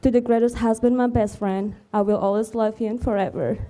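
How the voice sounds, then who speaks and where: Speaking briskly with fairly even intonation, a woman with a slightly high, warm voice gives a memorial speech. As a widow, she addresses the room of mourners in a heartfelt, earnest, tender way.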